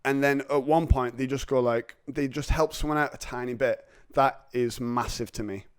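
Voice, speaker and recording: Man, podcast host, smooth clear voice, dry close sound, rambling jokey chat. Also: mid-range voice, steady tone, normal speed, no room sound. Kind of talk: casual chat.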